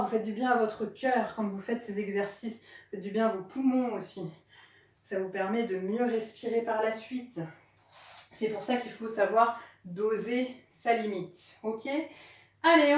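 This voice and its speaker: A fitness instructor leads a home workout, encouraging her listeners, counting aloud and cueing their breathing while slightly out of breath from demonstrating. Her voice is a little high and a little slow, heard from far off in an echoey room.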